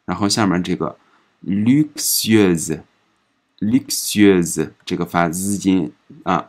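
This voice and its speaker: Male language teacher, low voice, slow patient delivery, drills each word by drawn-out repetition. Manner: repeats each example word several times, drawn out; patient explaining, ends phrases with soft particles. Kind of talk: recorded pronunciation lesson.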